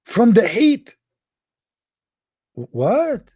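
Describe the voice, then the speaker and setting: A man's voice: high-pitched, wildly swooping pitch, drawn-out words, warm tone, no echo, clean studio sound. Sarcastic man. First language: Arabic. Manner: mocking, sarcastic, with frequent throat-clearing. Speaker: host. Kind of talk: sarcastic commentary while reading a text aloud.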